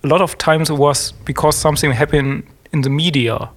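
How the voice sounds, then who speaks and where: Hesitant German-accented man. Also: on the high side. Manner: hesitant, many fillers and pauses. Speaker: podcast guest. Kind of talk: casual interview.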